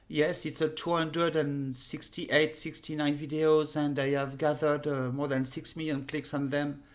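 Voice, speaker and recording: In a small home room, a harmonica teacher from France speaks to her webcam in a relaxed spoken lesson. She's in her thirties, has a French accent and a low voice, and while she's direct, she takes her time, filling pauses with lots of fillers.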